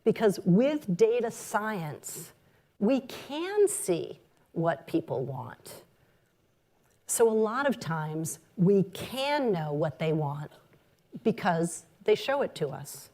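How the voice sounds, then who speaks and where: Unhurried woman giving a marketing talk. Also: mid-range voice, big pitch swings, dark tone. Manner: measured, many ums and uhs. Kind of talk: conference talk.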